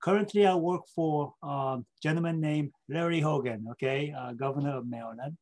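A man's voice: on the high side, fairly quick, a little mellow. A man from South Korea speaking English as an interview guest, ending his points with tag questions and many filler uhs. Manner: ends points with tag questions like okay and right; frequent filler uhs and repeated words. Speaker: state government official, interview guest. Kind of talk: casual interview talk.

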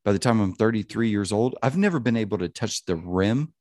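A man's voice: on the low side, animated, a little fast, darkish tone, no echo, clean studio sound. A man around thirty hosting a casual podcast chat, rambling and profane, leaning on "you know what I mean.". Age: 30s.

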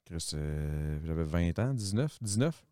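A man's voice: low-pitched, lively intonation, slow, warm tone, dry recording, studio quality. A man with a Quebec French accent hosting a podcast, telling rambling anecdotes full of slang and swearing. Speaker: podcast host. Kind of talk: casual podcast chat.

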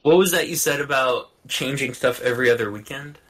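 A man's voice: medium pitch, brisk, sharp tone, a little hiss or hum. A man hosting a casual podcast, prompting his guests with questions and upbeat asides. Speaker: podcast host. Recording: dull lo-fi audio.

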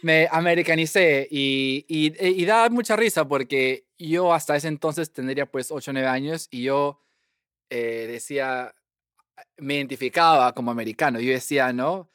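A young man, a guest telling his story in a lively way and slipping English phrases in among fillers. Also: on the high side, moderate pace, clean tone, dry recording, clean studio sound. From Peru. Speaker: guest scientist. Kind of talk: casual interview storytelling.

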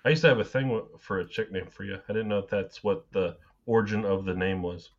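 A man's voice: fairly low pitch, fairly quick, highs cut off. A man co-hosting a live podcast, telling rambling stories full of "like" and fillers over a video call. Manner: rambling storytelling, filler-heavy. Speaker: podcast co-host. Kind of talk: casual chat.

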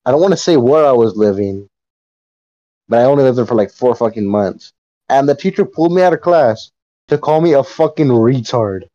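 A man chatting on a podcast in a dark, mellow voice, swearing freely and breaking into laughter as he rambles through a story. The recording sounds dull and lo-fi. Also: medium pitch, animated, brisk. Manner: profane, rambling storyteller who laughs often. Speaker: podcast co-host. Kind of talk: casual chat.

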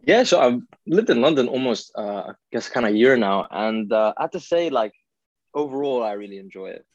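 A man's voice: medium pitch, animated, fairly quick, a little mellow, dry recording, muffled recording. A young man from India, raised in Italy, talking as a podcast guest and explaining things with everyday examples and many "you know"s. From born in India, grew up in Italy. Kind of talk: conversational explanation.

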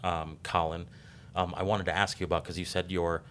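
A man's voice: deep voice, flat delivery, brisk, a bit bright, slight background noise. A man hosting a podcast interview, talking in long earnest stretches filled with ums. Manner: rambling, frequent ums, earnest. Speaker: podcast host.

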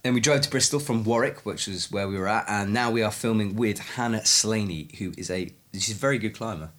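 Male podcast host, wry and chatty, lower register with a bright edge and light gravel. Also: a little fast. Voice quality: slightly gravelly. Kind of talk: casual chat.

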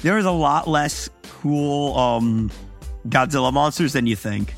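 A man co-hosting a casual podcast, joking around excitedly and swearing freely. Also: mid-range voice, a little slow, gravelly, soft background music. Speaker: podcast co-host.

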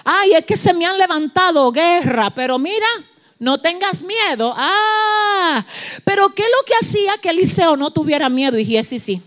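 A woman preacher, giving a fervent sermon that swings from soft asides to shouted peaks and acts out quoted dialogue. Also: very high-pitched, lively intonation, moderate pace. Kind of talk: Pentecostal-style sermon.

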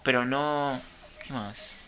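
A friendly man guesting on a podcast, his voice bright and forward in a mid range. He chats casually, thinking aloud and often hedging what he remembers. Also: mid-range voice, slow, slight background noise. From Argentina. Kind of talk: casual chat.

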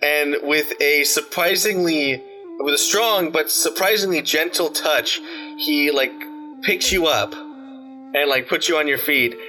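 A man's voice: fairly high pitch, a little slow, music in the background. Rambling man running a tabletop game. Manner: rambling, filler-heavy. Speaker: game master.

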